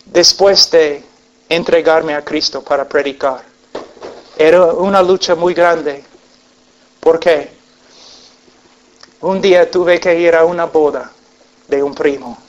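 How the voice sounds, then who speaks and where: Man, slow sermon, pleading, fervent. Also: fairly high pitch, steady tone, highs cut off. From United States. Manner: impassioned, pleading, rising to loud peaks. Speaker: preacher. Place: meeting hall.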